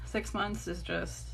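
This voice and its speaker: A woman's voice: lowish voice, creaky, husky. A woman in her thirties chatting casually while she crafts on a phone livestream, rambling between stories and small laughs, with the odd swear word. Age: 30s. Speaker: TikTok live crafter.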